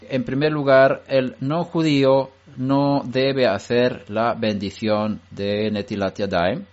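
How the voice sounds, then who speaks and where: A man giving an unscripted religious lesson to a study group, explaining step by step in a measured way and often restarting his sentences. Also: mid-range voice, fairly even intonation, a little mellow. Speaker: Bible study teacher. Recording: dull lo-fi recording.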